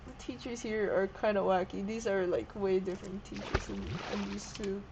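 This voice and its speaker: A woman's voice: mid-range voice, expressive, moderate pace, darkish tone. Rambling, sleep-deprived young woman vlogging. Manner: rambling, swearing, jumps between topics. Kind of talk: casual rambling chat. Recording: noisy background hiss.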